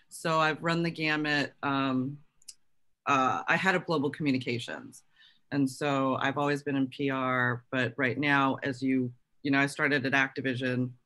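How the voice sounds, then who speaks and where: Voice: mid-range voice, sharp tone. A middle-aged panelist introducing themselves at an online roundtable in a chatty, friendly way. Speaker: communications head, panelist.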